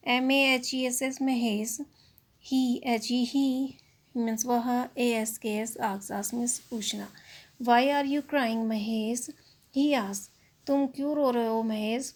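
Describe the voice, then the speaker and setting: Slow higher-voiced Indian woman teacher. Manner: spells words letter by letter, slow and deliberate. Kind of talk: spelling and translating an English lesson in Hindi.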